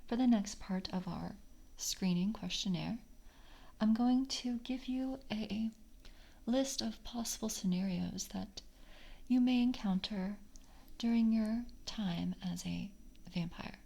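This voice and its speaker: Calm and businesslike, a woman in an ASMR roleplay takes the part of a composed, courteous vampire coven member. Her mid-range voice with vocal fry stays soft and breathy, often sinking to a whisper, as she speaks with a gentle, measured interviewer's manner.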